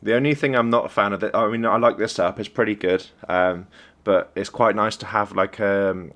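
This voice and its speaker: A young man with a low, fairly bright voice coaches an esports team as they review a game replay. He sounds encouraging and conversational, praising the plays as he goes.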